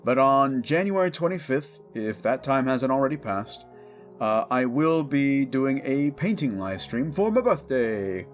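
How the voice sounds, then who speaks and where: Over guitar music, a man in his thirties who creates and hosts audio dramas chats with his channel's listeners. His mid-pitched voice has lively intonation, and he rambles in a loose, informal, unhurried way.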